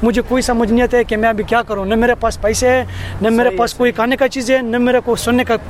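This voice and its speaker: A man's voice: extremely high pitch, flat delivery, fast, slight background noise. A man in his twenties from Afghanistan, a native Pashto speaker, earnestly pleading about his hardships in a street interview. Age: 20s.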